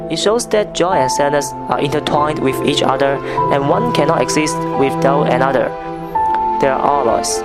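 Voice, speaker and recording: A narrator reading a scripted film review as a video essay, in measured, non-native English phrasing. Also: mid-range voice. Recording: narration over clear background music.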